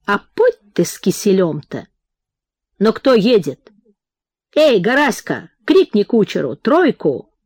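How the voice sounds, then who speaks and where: A woman's voice: mid-range voice, big pitch swings, takes it slowly, slightly rough, no echo, clean studio sound, heavily acted. A woman doing a rowdy drunken merchant. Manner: rowdy, boastful, shouting. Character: drunken rich merchant host, reckless and loud.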